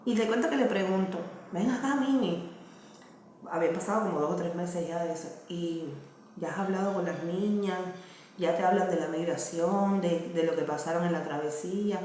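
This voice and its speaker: Cuban lady in her 30s, earnest chat to camera, lowish voice, really boomy echoey room. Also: moderate pace, darkish tone. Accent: Cuban Spanish. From Cuba. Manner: earnest, conversational, asks "¿me entiendes?". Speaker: vlogger, mother. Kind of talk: casual talk to camera. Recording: very echoey room, faint noise.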